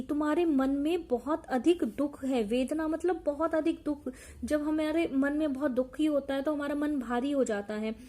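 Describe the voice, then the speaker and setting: A woman teacher explaining a poem line by line, reciting each verse with emphasis before slowly explaining its meaning. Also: sits high, darkish tone. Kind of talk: explaining a Hindi poem to students.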